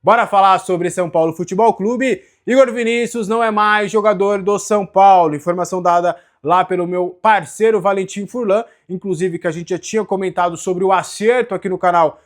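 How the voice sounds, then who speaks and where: High-pitched Brazilian man reporting football news. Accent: Brazilian Portuguese. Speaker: sports journalist and channel host. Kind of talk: conversational football news commentary.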